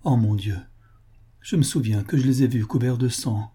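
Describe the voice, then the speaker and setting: A man's voice: medium pitch, normal speed, dark tone, slightly rough, close to an everyday voice. A man voicing a distraught young woman held captive, pleading in a plaintive, tearful voice.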